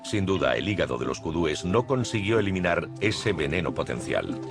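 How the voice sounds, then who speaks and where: A man's voice: sits low, sing-song, moderate pace, loud music behind the voice. A man reading scripted nature documentary narration in a dramatic, storytelling manner.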